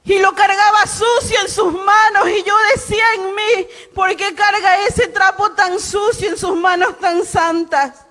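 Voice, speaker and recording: Fervent woman shouting her testimony slowly. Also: very high-pitched, steady tone. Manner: shouting, fervent, tearful pleading. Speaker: testimony preacher. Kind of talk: impassioned spoken testimony.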